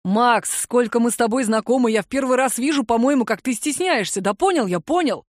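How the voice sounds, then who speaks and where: A woman's voice: fairly high pitch, expressive, a little fast, no echo, studio quality. A woman voicing a teasing, cynical young man who mocks his friend at the office, in an audiobook. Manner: teasing, mocking.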